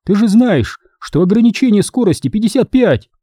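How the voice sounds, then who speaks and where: A man's voice: sits high, lively intonation, normal speed, warm tone, no room sound, clean studio sound, pitched above the performer's own voice. A man voicing a scolding anxious mother. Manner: urgent, reproachful. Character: anxious scolding mother, middle-aged woman.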